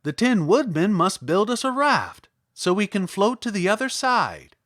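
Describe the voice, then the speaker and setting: A man voicing a quick-thinking, eager scarecrow with an urgent, exclaiming manner in a storybook reading. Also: sits high, big pitch swings, fairly bright tone, dry recording, clean studio sound, voice pushed up, full character voice. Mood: confident. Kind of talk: storybook character voice.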